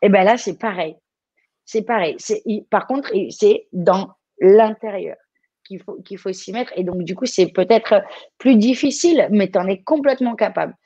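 A woman's voice: medium pitch, moderate pace, warm tone, no room sound, muffled recording. A woman from France coaching someone live, speaking directly and encouragingly with frequent restarts.

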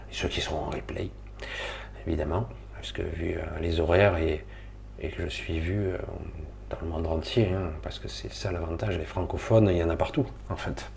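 Man, very deep, gravelly, rambling casual chat, faint background hiss. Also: darkish tone. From Marseille. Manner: rambling, colloquial, swears, talks to viewers directly. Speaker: spiritual live-stream host. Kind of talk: casual spiritual talk to viewers.

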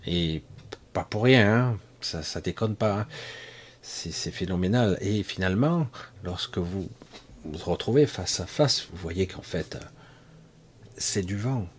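A man's voice: sits low, lively intonation, a little slow, pauses often, slight background noise. A man from France giving a rambling, conversational monologue about energy healing, full of asides and restarts, speaking straight to his listeners. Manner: addresses listeners directly, conversational. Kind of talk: casual spoken monologue.

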